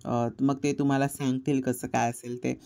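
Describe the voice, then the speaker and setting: A man's voice: mid-range voice, level tone, moderate pace, vocal fry, dark tone. Casting note: man, casual home vlogger, chatty and easygoing, indoors at home. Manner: chatty, coaxing a child with repeated questions. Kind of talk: casual home vlog chat. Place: home family birthday gathering, indoors.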